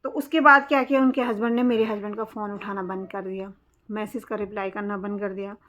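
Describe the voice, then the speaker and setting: A woman vlogger recounts a quarrel from her own life in casual vlog talk, sounding blunt and aggrieved. She talks fast in a mid-range, fairly bright voice with a level tone. The dull lo-fi recording has a little hiss or hum.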